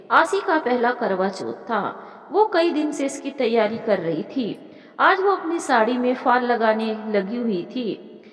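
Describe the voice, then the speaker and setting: A woman narrating a moral story in an expressive, melodic reading. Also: fairly high pitch. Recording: echoey room with long reverb.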